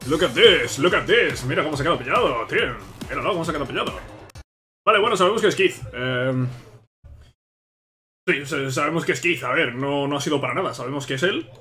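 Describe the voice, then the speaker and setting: A man with an accent from Spain giving casual game commentary, often repeating phrases excitedly. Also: fairly high pitch, quick pace. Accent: Spanish from Spain. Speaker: gaming video host. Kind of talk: casual let's play commentary. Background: game music.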